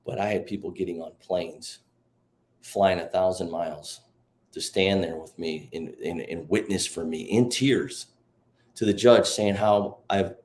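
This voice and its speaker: A man with a fairly low voice recounts his own life story on a faith talk show. He talks loosely and earnestly, circling back and restarting his sentences. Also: measured pace, darkish tone. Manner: rambling, many restarts and "you know"s. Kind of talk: emotional testimony in a faith interview.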